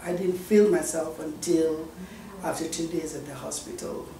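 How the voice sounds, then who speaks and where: A young man with a mellow, darker tone recounts his story steadily. He sounds distant from the mic in an echoey room, with faint noise underneath. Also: a little high, fairly even intonation, normal speed. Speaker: interviewee. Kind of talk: personal story for a documentary.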